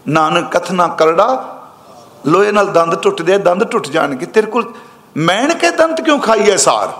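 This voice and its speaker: Man preacher, sermon, high voice, verses chanted slowly, roomy echo. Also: fairly bright tone. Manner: slow, measured chanting of verses between plain explanations. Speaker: preacher giving scripture commentary. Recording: echoey hall reverb.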